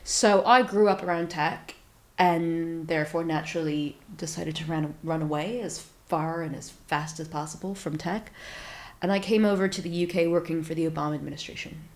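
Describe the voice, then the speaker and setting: An American woman in her thirties tells stories in a loose interview chat, her voice sitting a little low. She acts out her own reactions with plenty of fillers. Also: fairly even intonation, normal speed. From Silicon Valley, California, USA. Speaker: startup founder, guest.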